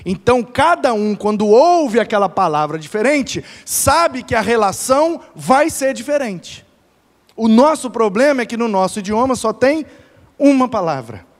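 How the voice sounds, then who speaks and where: A man preaching a church talk in a lively, animated storytelling way, laughing along with his own jokes. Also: very high voice, normal speed. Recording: echoey hall reverb.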